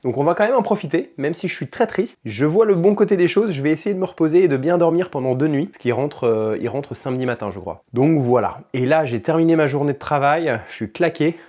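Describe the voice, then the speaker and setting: A man's voice: on the high side, lively intonation, fast, few pauses, dark tone. Chatty French vlogger man. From France. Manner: chatty, informal, lots of fillers and slang. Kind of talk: casual vlog chat to camera.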